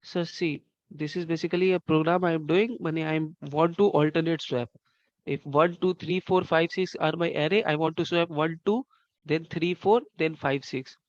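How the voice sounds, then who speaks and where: A man student politely walking his teacher through a program on a video call, with halting explanations. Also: on the high side, fairly even intonation, dry recording. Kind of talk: explaining code in online class. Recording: dull video call audio.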